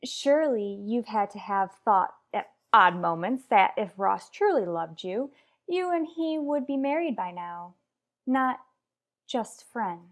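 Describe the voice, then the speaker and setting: This radio soap performer has a medium-pitched, expressive voice and takes her time. As a strong-willed wife and mother, she scolds her rival with blunt, insistent emphasis.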